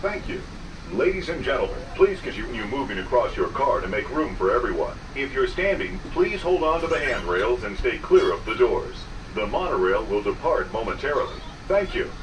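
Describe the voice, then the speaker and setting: A man's prerecorded announcements play over a monorail loudspeaker, polite and measured, with lively rises and falls. His voice comes from across the car, roomy and distant. Vehicle noise runs underneath it. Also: mid-range voice. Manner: polite, measured, scripted delivery. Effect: played over a train loudspeaker. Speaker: recorded transit announcer. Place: inside a moving monorail car. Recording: echoey loudspeaker heard from a distance, noisy.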